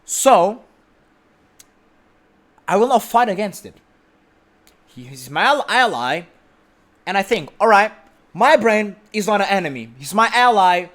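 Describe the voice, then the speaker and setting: This young motivational speaker delivers an emphatic monologue, repeating his points and often asking "right?" His voice sits high with big swings in pitch, a bit bright, moving at a measured pace with long pauses.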